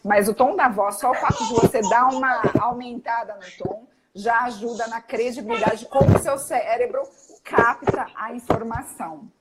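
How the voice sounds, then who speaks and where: A woman with a Brazilian accent, a doctor giving an animated, emphatic live talk. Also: on the high side, moderate pace, heavy background noise. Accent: Brazilian Portuguese. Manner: energetic, emphatic, demonstrates tones of voice. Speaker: guest speaker, doctor.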